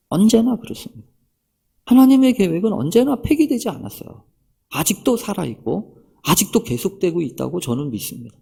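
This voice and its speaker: A man's voice: high voice, vocal fry, dark tone, slightly rough. A man preaching a sermon as pastor, speaking straight to the congregation with many rhetorical questions.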